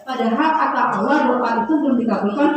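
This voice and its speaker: A woman preacher giving a lively sermon to elderly women, often calling out to her listeners and acting out prayers softly. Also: a little high, quick pace, muffled recording, slight background noise. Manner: acts out prayers in a soft hushed voice. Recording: very echoey hall, audience murmur.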